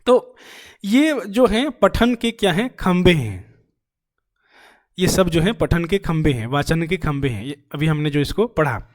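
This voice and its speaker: A man teaching an exam-prep lesson, explaining by asking and answering his own questions, repeating key phrases, with pauses and fillers. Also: on the high side, animated. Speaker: Hindi teaching-methods teacher.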